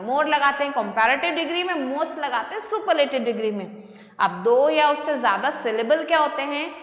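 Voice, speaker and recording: A woman teaching a grammar lesson, with a high voice and a slow, patient delivery. She stretches out the English example sentences as she reads them. The room around her is echoey and rings with a long reverb. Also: fairly bright tone. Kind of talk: grammar lesson explaining and reading exercises.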